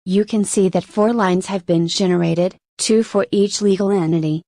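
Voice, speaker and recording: Reading from a script, a woman walks through a software tutorial in measured steps, her pitch in the middle of the female range. Her tone stays steady, and the close, dry recording carries no room sound.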